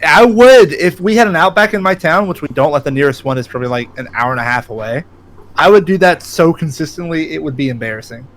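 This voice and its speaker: Slightly high-voiced man chatting. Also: animated, quick pace, a bit bright, a little hiss or hum. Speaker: co-host. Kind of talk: casual stream chat.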